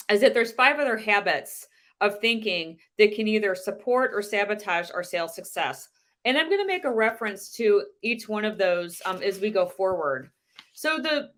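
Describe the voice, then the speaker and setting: A woman's voice: medium pitch, pushed and bright. Woman giving a motivational sales talk. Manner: measured, deliberate, with rhetorical questions. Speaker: sales coach. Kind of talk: motivational presentation.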